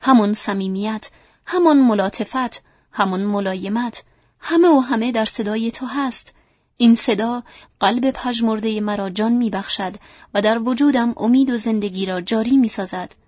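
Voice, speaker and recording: A woman voicing a brooding, yearning blind middle-aged gentleman, earnest and pleading, in a dry, dull lo-fi recording. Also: fairly high pitch, dry recording, lightly acted. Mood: tender.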